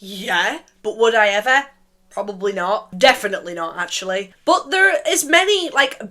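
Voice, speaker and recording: A young woman, hosting a casual vlog in a chatty, animated way with offhand swearing. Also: mid-range voice. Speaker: YouTuber host.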